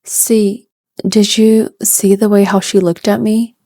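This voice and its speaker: A woman's voice: medium pitch, flat delivery, a little slow, mellow, no room sound, clean studio sound. A woman playing a shaken young woman.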